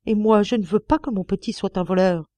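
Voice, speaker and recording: A woman's voice: mid-range voice, a little fast, mellow, dry recording, close to an everyday voice. A woman voicing a proud, distraught young working-class mother in an audiobook, with pleading, tearful outbursts. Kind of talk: audiobook character reading.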